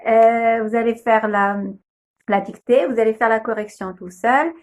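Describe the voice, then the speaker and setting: A young woman, a kindergarten teacher, slowly and patiently sounding out letters and syllables in a phonics lesson video. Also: on the high side, fairly even intonation, darkish tone.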